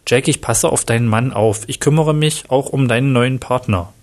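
A man's voice: medium pitch, moderate pace, natural voice. A man reading as a caring mother. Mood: reassuring.

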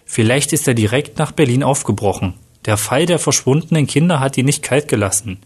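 A man reading the lines of a calm, matter-of-fact male police inspector, with a husky voice. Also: mid-range voice, brisk, natural voice.

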